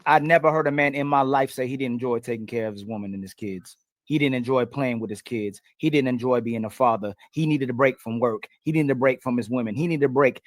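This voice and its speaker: A man's voice: mid-range voice, brisk, no room sound, studio quality. A man hosting a panel discussion, talking emphatically in repeated lists.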